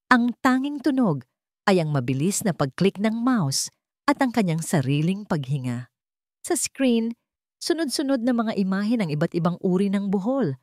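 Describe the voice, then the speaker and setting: A woman with a Filipino accent and a lowish, slightly mellow voice narrates a scripted dramatic story. The recording is clean studio sound with no room sound.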